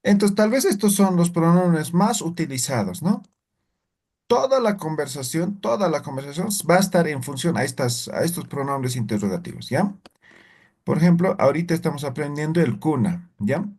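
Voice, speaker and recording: A man teaching a live language class, his voice sitting a little high. He explains patiently, one step at a time, and keeps checking that the students follow with short questions. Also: lively intonation, moderate pace, a little mellow. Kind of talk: classroom lesson.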